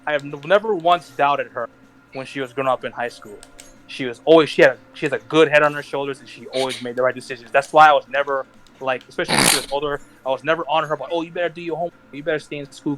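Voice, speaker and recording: A young man hosting a casual group podcast, rambling through heartfelt shout-outs with restarts and laughs. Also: medium pitch, fairly even intonation, fairly quick, faint music behind. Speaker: podcast host.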